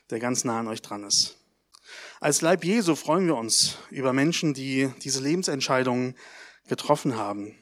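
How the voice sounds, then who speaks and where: A man giving a baptism sermon, telling stories lively and putting questions to the congregation. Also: mid-range voice. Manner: addresses the congregation directly, asks questions; lively storytelling, with pauses and hesitations. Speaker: pastor.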